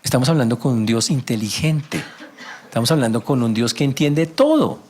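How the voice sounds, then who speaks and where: A man preaching a sermon as a pastor, animated, asking rhetorical questions and acting out everyday conversations. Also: normal speed, a little hiss or hum. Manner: rhetorical questions, rising to emphatic pitch.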